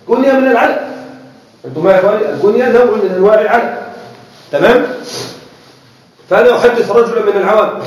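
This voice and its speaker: A man teaching a class on Arabic rhetoric, often checking that his students follow and slowly repeating key words. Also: high-pitched. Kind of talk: classroom lecture. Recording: very echoey room, voice far from mic.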